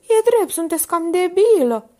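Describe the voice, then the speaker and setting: A woman voicing a panicky, talkative, easily frightened woman who exclaims in a shrill, breathless way. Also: very animated, dark tone. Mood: gossipy.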